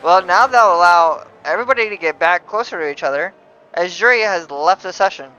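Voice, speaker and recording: High-voiced male race co-commentator. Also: lively intonation, a little fast, pushed and bright, smooth, highs cut off. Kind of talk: live sim racing commentary.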